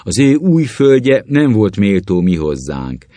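A man's voice: big pitch swings, warm tone, no echo. A man voicing a proud, cold male alchemist in a story reading, with a rapt, incantatory delivery. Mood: scornful. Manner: rapt, incantatory, sweeping pitch. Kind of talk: audiobook reading.

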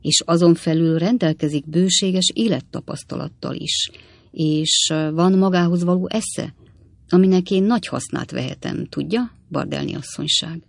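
A reader voicing a kindly, earnest elderly gentleman lodger in an audiobook. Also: medium pitch, creaky, no room sound.

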